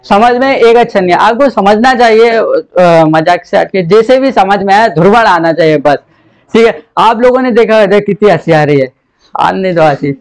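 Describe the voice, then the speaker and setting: Over a noisy crowd of students talking and laughing, a science teacher speaks at a moderate pace in a high, lively voice. His classroom lecture is full of jokes as he repeats questions and keeps asking the class to pay attention.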